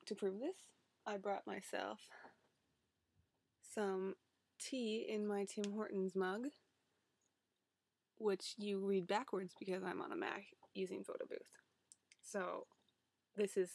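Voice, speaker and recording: Creaky-voiced young Canadian woman, chatting casually. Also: mid-range voice, steady tone, takes it slowly, long pauses, darkish tone, no room sound. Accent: Canadian, Ontario. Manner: hesitant, rambling with asides. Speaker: vlogger, website story editor. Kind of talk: casual chat to camera.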